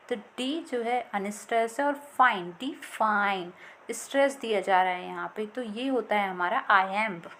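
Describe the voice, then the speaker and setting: A woman's voice: medium pitch, fairly bright tone, a little hiss or hum, rough recording. A woman teaching an exam-prep lesson. She reads short English definitions, then asks herself questions and answers them, repeating the key points. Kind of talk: explaining a lesson, mixing in read-out English definitions.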